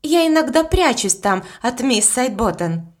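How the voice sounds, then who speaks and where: A woman's voice: fairly high pitch, very animated, a little slow, pitched above the performer's own voice. A woman voicing a timid, easily frightened young girl who talks hesitantly, reading an audiobook. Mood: worried.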